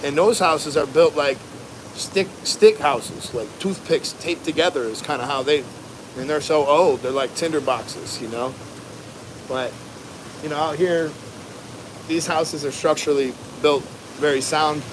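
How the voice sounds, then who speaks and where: An American man livestreaming casually outdoors, talking in a laid-back, rambling, slangy way over wind. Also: on the high side. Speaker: livestream host, barber. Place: outdoors at home during a windy storm. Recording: noisy outdoors, loud wind and ambience. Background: wind and rushing water ambience.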